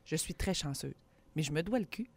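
A woman's voice: sits low, lively intonation, a little fast, gravelly, slightly rough. A woman in her thirties with a Québécois French accent, speaking frankly and candidly as co-host of a casual talk show.

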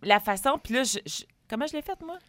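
A woman's voice: a little high, expressive, fast, fairly bright tone, dry recording, studio quality. A woman with a Quebec French accent co-hosting a radio show, teasing her colleagues and laughing easily. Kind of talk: casual radio chat.

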